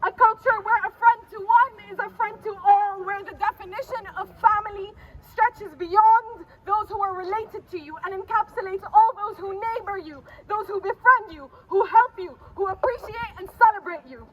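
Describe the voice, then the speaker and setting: A protest speaker and poet from the Palestinian diaspora performs a spoken-word poem as a speech on an outdoor city street, declaiming with passion and repetition. The audio is dull, her voice very high, her pace normal with few pauses, and street traffic noise surrounds her.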